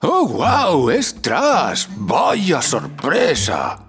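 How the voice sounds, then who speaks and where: A man's voice: a little high, huge pitch swings, very slow, full character voice. A man voicing a laid-back, cocky animal ninja hero in a cartoon. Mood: breezy. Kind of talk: animated cartoon dub acting. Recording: loud music behind the voice.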